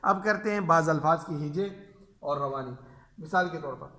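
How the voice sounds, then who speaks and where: A man gives a lesson on Quran reading rules in a patient, repetitive teaching manner. His voice is bright and forward, pitched a little high for a man. He slows right down and drawls the examples letter by letter. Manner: patient, repeats each rule and drawls examples slowly. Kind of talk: explaining tajweed rules to teachers.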